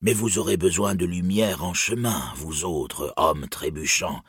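A man's voice: deep voice, a little slow, a bit bright, husky, dry recording, clean studio sound, full character voice. A man voicing an old, poor male dwarf who pleads for his life and speaks of himself by name. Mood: wary.

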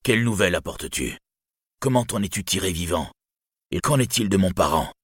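A man voicing a bitter, weary lame man in an audiobook, speaking in a measured, earnest way. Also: low-pitched, animated, fairly bright tone, husky, no room sound, studio quality, exaggerated voice. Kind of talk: audiobook reading.

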